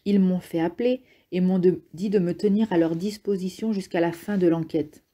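A woman's voice: fairly low pitch, moderate pace, mellow, close to an everyday voice. A woman voicing a nervous, defensive middle-aged man in an audiobook reading, agitated and blustering, sometimes pleading.

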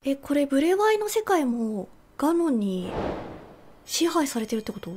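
Excitable woman game streamer, high voice with big swings. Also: measured pace, a little hiss or hum. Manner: excitable, reacts with constant exclamations. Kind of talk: live game commentary.

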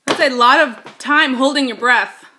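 In this casual home vlog chat, a young woman co-hosting a challenge video speaks at a measured pace in a high voice. There's background noise, and she's seated a little back from the camera mic in the kitchen.

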